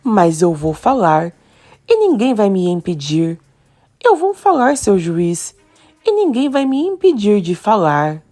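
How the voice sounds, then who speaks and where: A woman voicing a stubborn young boy who insists on speaking in court, with insistent, shrill outbursts. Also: takes it slowly, few pauses, darkish tone. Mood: defiant.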